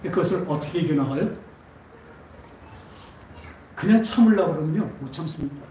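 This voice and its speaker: A man's voice: a little high, animated, normal speed, dark tone, slight background noise. A man preaching a Sunday sermon as pastor, asking his congregation question after question. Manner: asks the congregation many questions. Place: church sanctuary. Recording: echoey church hall from far off.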